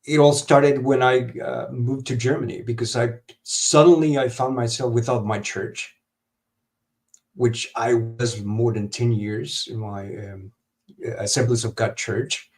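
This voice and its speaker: Man, interview guest, halting delivery full of fillers, video-call mic. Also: mid-range voice, steady tone. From Honduras. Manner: halting, many fillers and restarts. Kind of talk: live stream interview over video call.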